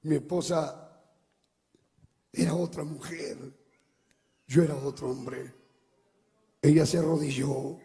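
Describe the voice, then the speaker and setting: A man, a pastor giving a dramatic testimony sermon that swings from shouting to hushed speech. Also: a little high. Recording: long hall reverb.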